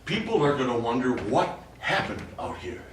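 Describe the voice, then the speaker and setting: Playing an astronaut who is secretly a scheming alien, a man delivers a wry, wistful, lightly acted monologue on a small studio theatre stage. His medium-pitched voice is very animated at a moderate pace, musing and quietly satisfied in mood. A distant mic picks up the echoey room and faint noise.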